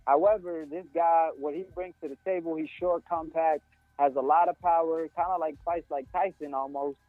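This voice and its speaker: A man's voice: on the high side, steady tone, moderate pace, no echo, soft background music. A man talking boxing as a co-host, hesitant and searching for words. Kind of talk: casual sports talk. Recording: tinny phone line, very dry.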